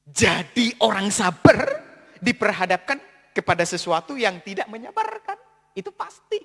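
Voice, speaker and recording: A pastor preaches emphatically, his very high voice bright and forceful. He repeats words and swings from soft asides to shouts. A long hall echo trails his voice. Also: big pitch swings, moderate pace, creaky. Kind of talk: sermon. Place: church hall. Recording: long church hall reverb.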